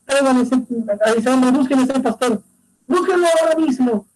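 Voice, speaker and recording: A man teacher voicing Oedipus as a proud, anguished young king, commanding and shouting orders. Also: very high-pitched, moderate pace, pitched above the performer's own voice, rough recording. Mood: furious.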